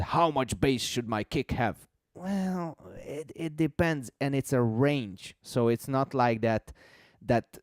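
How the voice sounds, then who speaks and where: Man calmly explaining, clean dry voice. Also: mid-range voice, no room sound. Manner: explanatory, repeats words for emphasis. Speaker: host explaining music mixing. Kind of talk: casual live-stream chat.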